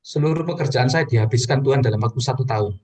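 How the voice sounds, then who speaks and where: A man's voice: fast, darkish tone, breathy edge. A man preaching in a personal testimony, telling his story earnestly to the congregation and addressing them directly. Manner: earnest storytelling with sudden pitch rises.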